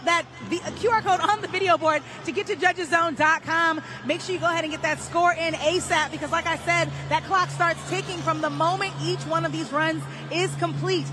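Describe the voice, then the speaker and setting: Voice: extremely high pitch, sharp tone. An event announcer hyping the crowd and giving live instructions at a motorsport show. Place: outdoor stadium. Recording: noisy outdoor stadium with vehicle noise.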